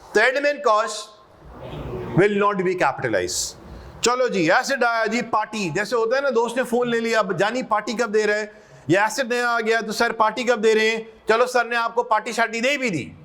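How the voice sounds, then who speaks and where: A man's voice: very high-pitched, normal speed, fairly bright tone. A male accounting lecturer, giving a classroom lecture, slipping English terms into his explanations and quizzing students as he goes. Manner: jokes and teases students.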